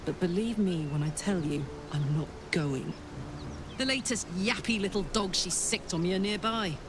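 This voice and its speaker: A woman's voice: lowish voice, moderate pace, background noise, natural voice. Woman playing Karlach, brash battle-hardened tiefling warrior. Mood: brash, confiding. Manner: cocky, blunt, salty soldierly talk. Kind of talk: video game character dialogue.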